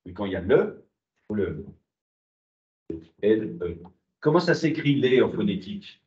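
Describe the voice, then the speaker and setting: Speaking at a measured pace, a man with a fairly low, darkish, sing-song voice lectures university students and answers his own rhetorical questions. The audio sounds muffled and echoes around the classroom.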